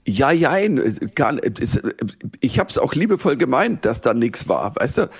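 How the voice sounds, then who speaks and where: A middle-aged man, the guest author, telling stories in an animated, rambling way, repeating words and breaking into laughs. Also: mid-range voice, unhurried, a little hiss or hum. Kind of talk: animated storytelling chat.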